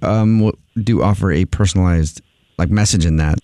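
A man's voice: deep voice, moderate pace, warm tone, a little hiss or hum. A man hosting a radio show, making a prank phone call in a casual, chuckling way with lots of fillers. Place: radio studio.

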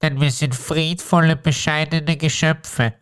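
A woman voicing a humble, sad male donkey, speaking low and soft. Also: steady tone, measured pace. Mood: meek.

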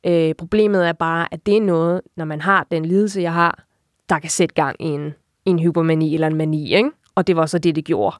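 A woman's voice: low-pitched, steady tone, no room sound, clean studio sound. A young adult woman giving a candid, reflective personal account in an interview, with frequent filler tags.

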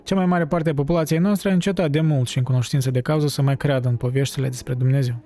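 A man's voice: medium pitch, steady tone, warm tone, lightly acted. A man voicing a confident male editor who explains at length in a diplomatic, lecturing way.

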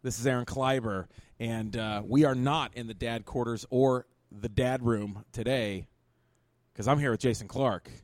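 A man's voice: medium pitch, fairly even intonation, a little slow, no echo, studio quality. A man hosting a casual podcast from a comedy theater stage, goofy and playful, with a Pittsburgh accent. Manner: goofy, playful, repeats lines for laughs. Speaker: podcast host.

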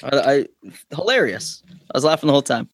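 Male podcast panelist, average pitch, dry recording, casual rambling talk with hesitant filler-filled phrasing. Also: big pitch swings, fairly quick, no echo. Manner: loose, hesitant phrasing with many 'like' fillers. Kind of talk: casual chat.

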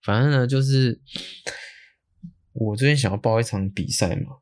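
A man's voice: medium pitch, moderate pace, no echo, studio quality. A man hosts a podcast, chatting loosely and airing his opinions with lots of tag questions. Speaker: podcast host. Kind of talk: casual opinion chat.

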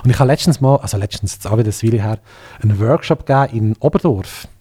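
A man's voice: fairly low pitch, quick pace, warm tone, slightly rough. A middle-aged man with a Swiss German accent, a slam poet and guest, rambling and joking in casual chat. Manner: rambling, joking, self-mocking.

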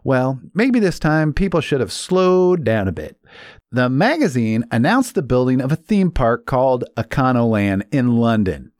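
A man's voice: mid-range voice, sing-song, moderate pace, darkish tone, no echo. A man hosting a casual talk about money as a financial planner, joking along with playful asides.

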